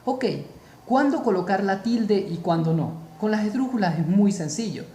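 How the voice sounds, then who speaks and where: A man teaching a spoken grammar lesson, slow and deliberate, repeating key terms for emphasis. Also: high-pitched, lively intonation, warm tone, roomy sound, slight background noise.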